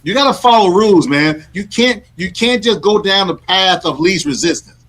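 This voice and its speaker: A man with a high, bright voice, co-hosting a casual sports podcast. He argues in a mock-stern tone and lectures his partner about the rules. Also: expressive, moderate pace. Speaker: podcast co-host.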